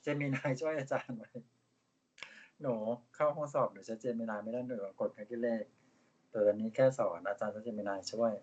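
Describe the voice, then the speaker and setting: A man's voice: lowish voice, fairly quick, darkish tone, dull audio, a little hiss or hum. A man teaching a live class as lecturer, chatty and teasing with his students. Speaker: university lecturer.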